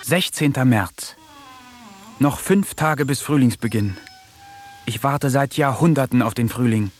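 In a radio play, an actor voices an eccentric young poet who longs to talk with animals, narrating his diary in a dry, ironic way. His mid-range voice is natural and a little slow, with faint music behind it.

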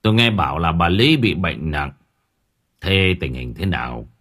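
A man voicing an old male village healer who speaks slowly and deliberately. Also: deep voice, sing-song, a bit bright, breathy edge, pitched below the performer's own voice, heavily acted. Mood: calm. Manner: slow, deliberate speech.

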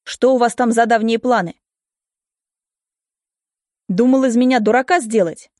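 A woman's voice: a little high, unhurried, darkish tone, dry recording, studio quality, natural voice. A woman voicing an enraged husband who harshly demands answers. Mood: angry.

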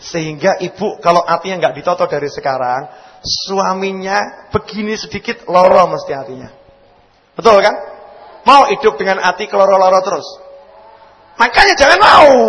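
A man preaching a sermon in with a tinge, swinging between loud calls and quiet asides and questioning his audience. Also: a little high. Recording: long hall reverb.

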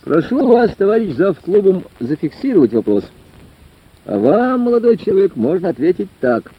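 A man voicing a pompous rural lecturer who declaims in a slow, tribune-like manner, on a dull lo-fi recording. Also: high voice, big pitch swings, breathy edge, voice pushed up, exaggerated voice. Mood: officious.

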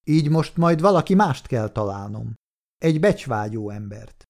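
A man's voice: medium pitch, expressive, darkish tone, natural voice. A man reading the part of a small-time male thief who talks in a pushy, persuasive way.

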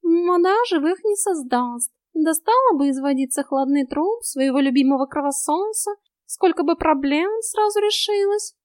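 A woman's voice: high-pitched, animated, normal speed, a little mellow, no echo, clean studio sound, voice pushed up. A woman voicing a grumbling, sarcastic male talking cat in an audiobook. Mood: snarky. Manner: sarcastic, scolding.

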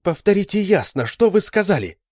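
A man's voice: high voice, sing-song, a little fast, darkish tone, no room sound, clean studio sound, voice pushed up. A man voicing a fierce young village woman who is frantic.

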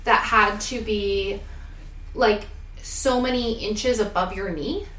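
A woman's voice: medium pitch, slow, fairly bright tone. A young woman chatting casually as a podcast guest, with a bubbly, sorority-girl Valley Girl way of talking. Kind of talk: casual chat. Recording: echoey room, faint background noise.

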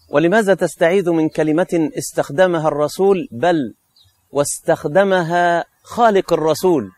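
A man's voice: sits high, a little mellow. A man with an Egyptian accent preaching a colloquial sermon, emphatic and scolding, firing rhetorical questions. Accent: Egyptian Arabic.

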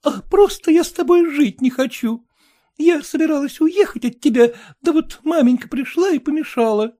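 For an audiobook, a woman voices a young wife in a storybook, sobbing and accusing in tearful reproach with a high-strung manner. Her tone is dark, her pace moderate, and the acting light.

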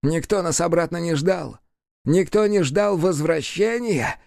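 A man's voice: fairly high pitch, normal speed, vocal fry, darkish tone, no echo, clean studio sound, pitched above the performer's own voice. A man voicing a vengeful, anguished male demon in an audiobook, shrieking and wailing on the edge of tears. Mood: raging. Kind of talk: audiobook character voice.

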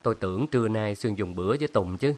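A man's voice: fairly low pitch, lively intonation, quick pace, darkish tone, close to an everyday voice. A man reading the lines of a moody, sardonic young painter in a storybook, speaking tersely.

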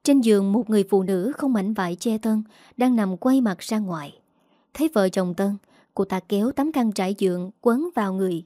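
A woman narrating an audiobook story in a steady, even manner. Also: mid-range voice, moderate pace, no echo, studio quality.

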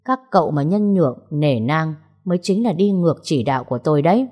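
A scheming older male police chief in an audio story, laying down orders with quiet satisfaction. His voice sits low and husky. A woman narrator plays him. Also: lively intonation, brisk. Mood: smug command. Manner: commanding, self-satisfied.

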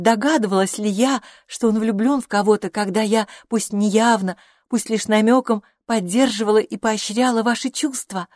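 A poised, clever young gentlewoman voiced by a woman speaks in measured, composed sentences with a slightly raised pitch, recorded dry and close to the microphone. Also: dry recording, close to an everyday voice. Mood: earnest.

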